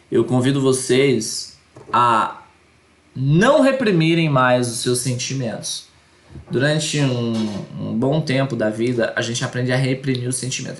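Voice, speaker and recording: A man's voice: mid-range voice, a bit bright, reverberant. A man teaching an online course lecture, earnest and repeating his points with tag questions.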